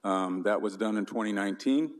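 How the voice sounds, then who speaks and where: A man's voice: lowish voice, a little fast. A man who is mayor chairs a city council meeting in a brief, procedural way, with some hesitations. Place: council chamber.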